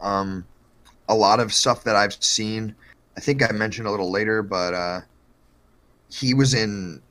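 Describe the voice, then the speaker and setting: A man telling a true-crime story on a casual podcast, joking and swearing as he goes. His voice sits a bit low but has a bright, forward edge. His delivery is loose and chatty, with plenty of fillers. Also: fairly even intonation, unhurried. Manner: joking, profane, lots of fillers.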